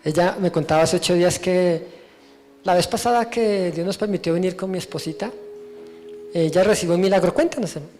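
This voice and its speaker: A male pastor preaching and telling a testimony to a church, storytelling with feeling and falling to a hush at moving moments. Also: high-pitched, brisk. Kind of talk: testimony sermon.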